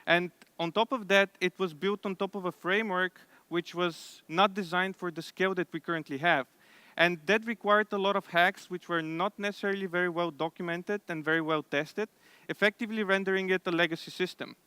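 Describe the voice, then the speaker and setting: A young man from Bulgaria, giving a conference tech talk from the stage in a steady way, now and then correcting himself. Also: high-pitched, brisk, smooth, no echo. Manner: steady presenter, occasional self-corrections. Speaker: conference speaker.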